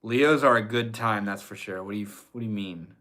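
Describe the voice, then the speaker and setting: A young man with a stuffy nose reads chat on his livestream, chatting casually with viewers and swearing often. His voice sits lowish and has a sharp tone. He talks a little fast and stays laid-back throughout.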